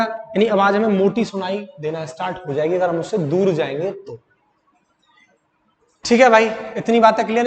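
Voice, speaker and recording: A man with a fairly high voice teaches physics in a Hindi accent. He keeps asking the class to repeat each key term and stretches the important words out slowly. The sound rings with a long echo from the classroom walls. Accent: Hindi-accented English. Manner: drawls out key terms slowly. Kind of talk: classroom lecture. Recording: echoey classroom, reverberant.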